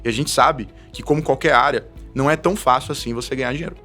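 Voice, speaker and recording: A man's voice: medium pitch, faint music behind. A man, a guest telling his story in a casual podcast interview. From Salvador, Brazil. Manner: fast, animated storytelling with frequent laughs. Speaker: guest, investment advisor.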